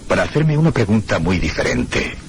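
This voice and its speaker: Narrating an eerie radio drama, an actor with a Castilian Spanish accent plays a troubled, brooding male traveller who is also the protagonist, delivering it in a measured, literary way. His voice is fairly low and very animated, and the mood is brooding and reflective. Prominent music plays behind him, with slight background noise.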